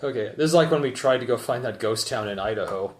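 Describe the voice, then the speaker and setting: A man's voice: mid-range voice, expressive, fast, a little mellow. A man playing a tabletop role-playing game, talking casually as one of the players.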